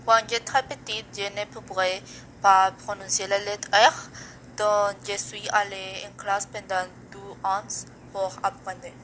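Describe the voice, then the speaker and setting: Slow, flat-voiced teenage girl. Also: medium pitch, a little hiss or hum, low-quality recording. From Mexico. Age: teens. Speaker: student. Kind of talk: reading a self-introduction.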